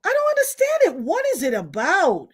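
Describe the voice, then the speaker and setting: A woman's voice: extremely high pitch, huge pitch swings, normal speed. A middle-aged woman from Trinidad, raised in Brooklyn, with a Trinidadian Caribbean accent, ranting emphatically and indignantly on her livestream. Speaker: livestream host. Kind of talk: livestream commentary rant.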